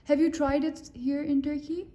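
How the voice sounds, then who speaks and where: A woman student interviewing a guest, asking questions gently and encouraging him with frequent mm-hmms. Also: sits high, flat delivery, normal speed.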